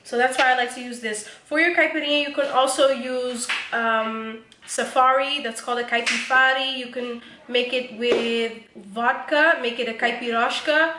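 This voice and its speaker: A woman's voice: on the high side, steady tone, moderate pace, hardly any pauses, echoey room, noisy background. A young woman making a casual cooking vlog in her home kitchen, chatty and joking, laughing often and swearing casually. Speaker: vlogger.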